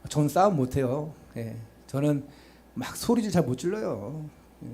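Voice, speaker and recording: A man's voice: a little high, big pitch swings, normal speed, warm tone, a little hiss or hum. A male pastor preaching a sermon, urging the congregation with rhetorical questions and chatty asides to them.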